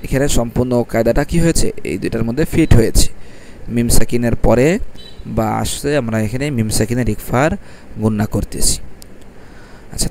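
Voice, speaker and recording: Patient male tutor with a mellow voice. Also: medium pitch, a little hiss or hum. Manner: asks questions and answers them himself, repeats each rule; spells letters one by one, then draws out the syllables slowly. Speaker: Quran reading teacher. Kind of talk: step-by-step recitation lesson.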